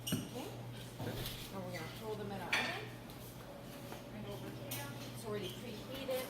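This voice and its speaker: A woman's voice: mid-range voice, animated, moderate pace. A woman who runs a café, talking through a baking recipe in a friendly, instructive, chatty way in a kitchen. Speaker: café owner demonstrating a recipe. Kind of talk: casual cooking demonstration. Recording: echoey kitchen with loud background noise.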